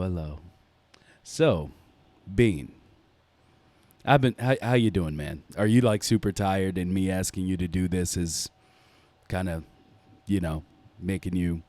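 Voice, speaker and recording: A man who is a native English speaker hosts a casual chat in a deep, smooth, low magnetic voice, with an informal, familiar way of talking. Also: unhurried, pauses often, darkish tone, no room sound. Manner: informal, familiar, addresses others as man and bro. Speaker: host.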